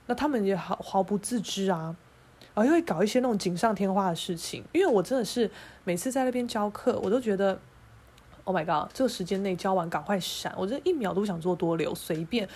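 A woman's voice: mid-range voice, a little mellow, breathy edge. A woman with a Taiwanese Mandarin accent hosting a podcast, telling a story in a heated, profane, sarcastic rant. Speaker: podcast host.

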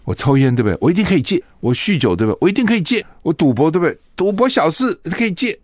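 A man's voice: fairly high pitch, sing-song, rapid-fire, no room sound, clean studio sound, voice pushed up. A man putting on a sweet-talking suitor's pleading voice. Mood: coaxing. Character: smooth-talking male suitor making empty promises.

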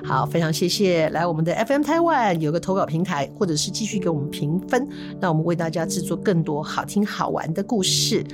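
A woman from Taiwan, hosting a storytelling podcast in a chatty, animated way with Hokkien asides. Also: on the low side, fairly quick, few pauses, music in the background. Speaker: podcast host.

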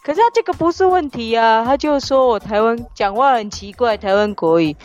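A woman's voice: fairly high pitch, fairly quick, a little mellow, lightly acted. A woman voicing a playful, chatty pet dog who co-hosts a podcast and answers listener comments, with a Taiwanese Mandarin accent. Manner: playful, giggly, teasing. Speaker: podcast co-host. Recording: slightly dull audio with music bed.

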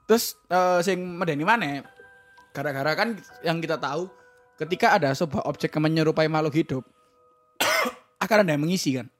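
A man's voice: fairly high pitch, expressive, a bit bright, faint music behind. A man with an East Javanese accent telling horror stories on a podcast in slangy casual banter. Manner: tells horror tales in rapid slangy banter. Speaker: podcast co-host. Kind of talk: casual storytelling chat.

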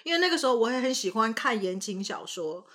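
A young woman co-hosting a casual podcast, telling childhood stories in an animated way and acting out her parents' lines. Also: a little high, quick pace. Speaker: podcast co-host. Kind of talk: casual chat.

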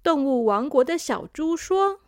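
A woman with a high, lively voice reads a children's story aloud, speaking gently and unhurriedly to young listeners. The recording is dry and close.

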